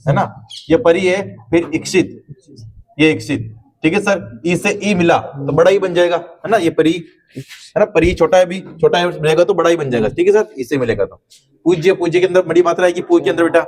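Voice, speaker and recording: A man's voice: on the high side, moderate pace, darkish tone. A middle-aged man teaching a Hindi spelling lesson in a classroom, coaxing his students with repeated tag questions.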